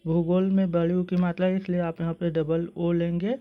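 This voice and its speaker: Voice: mid-range voice, little pitch movement, a little fast, narrow, tinny audio. A teacher with an Indian English accent gives a pronunciation lesson, explaining patiently with hesitant fillers and breaking words into syllables. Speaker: online teacher. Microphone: phone.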